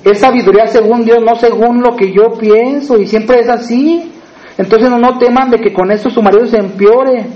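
A man's voice: very high-pitched, fairly even intonation, normal speed, lo-fi sound. A man with a Mexican accent preaching a sermon in a conversational way, often asking the congregation questions. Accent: Mexican Spanish.

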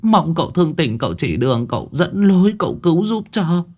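Frightened old woman, soft and pleading, as a male narrator puts her on. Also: a little high, very animated, brisk, voice pushed up. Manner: timid, pleading.

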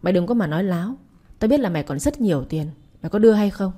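A woman's voice: fairly low pitch, lively intonation, brisk, slightly rough. Woman voicing a drunken, bad-tempered husband. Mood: angry. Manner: coarse, shouting.

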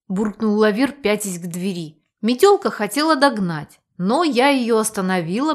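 A woman reading an audiobook in the first person, in a lively, expressive storytelling manner. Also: mid-range voice. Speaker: audiobook reader.

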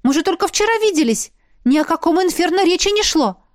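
A woman voicing a lively, pampered young female friend who talks in emphatic exclamations. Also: very high voice, no echo, studio quality, voice pushed up. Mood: astonished. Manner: bubbly, emphatic, quick to exclaim.

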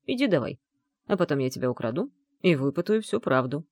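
A woman's voice: sits low, big pitch swings, fairly quick, darkish tone, dry recording, clean studio sound. Woman voicing a cocky young dragon guy. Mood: playful. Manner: mocking, playful. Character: cocky teasing young male red-haired dragon. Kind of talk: audiobook character voice.

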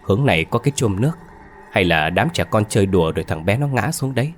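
A man's voice: on the low side, expressive, quick pace, soft background music, close to an everyday voice. A man voicing a worried village uncle urging others to hurry. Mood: urgent. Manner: urgent.

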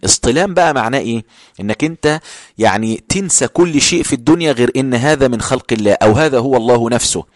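A man with an Egyptian Arabic accent teaching a religious text at a very rapid clip. He reads formal passages, then explains them in everyday speech, often stumbling and restarting words. The recording is dry and close, with no room sound. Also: medium pitch, no room sound. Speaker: sheikh teaching a classical text. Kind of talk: lecture reading a text and explaining it.

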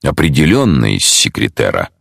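Audiobook casting: a man playing a soft-spoken, thoughtful assistant, deep and dry-sounding. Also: huge pitch swings, vocal fry, husky, no echo, full character voice. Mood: calm. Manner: quiet, measured. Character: calm, thoughtful male detective's assistant.

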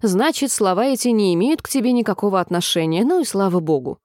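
A pompous, fussy old storybook king who muses aloud and is pleased with his own reasoning, as a woman puts him on. His pitch wanders up and down as he ponders. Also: animated, quick pace, a little mellow, no echo, studio quality, natural voice. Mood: musing. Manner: musing, self-satisfied.

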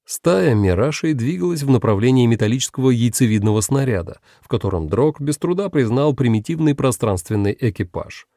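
A man reading an audiobook as narrator with an expressive, gravelly delivery. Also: medium pitch, a little fast, few pauses, dry recording, studio quality. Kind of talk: scripted narration.

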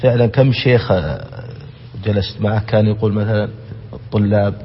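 A man's voice: lowish voice, steady tone, brisk, a little hiss or hum. A man, a student politely and hesitantly asking his teacher questions in class. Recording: dull, echoey lecture-hall recording.

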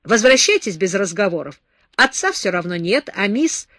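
Brief: woman doing a stern, mocking grown man, sharp and lecturing, loud and dry. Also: mid-range voice, big pitch swings, normal speed, dry recording. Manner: harsh, sarcastic, lecturing. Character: stern scornful man scolding a drunk girl.

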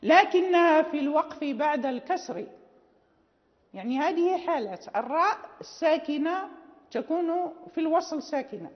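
A woman teaching the rules of Quran recitation, explaining patiently and repeating examples slowly with many pauses and fillers. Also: high-pitched, animated. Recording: roomy, reverberant, dull lo-fi recording.

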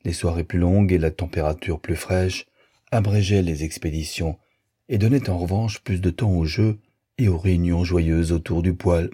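A man reading a novel aloud in a measured, even audiobook narration. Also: low-pitched, breathy edge, no echo, studio quality.

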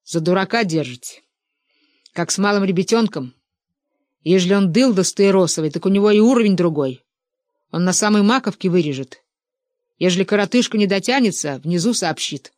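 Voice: mid-range voice, no room sound, clean studio sound, close to an everyday voice. A narrator voicing a stubborn, simple-minded young man who rambles in rustic, colloquial speech.

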